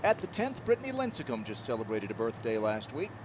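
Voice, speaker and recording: A man working as lead golf commentator, calling tournament highlights and setting up each shot. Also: wildly swooping pitch, fast talker, background noise. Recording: music behind the voice.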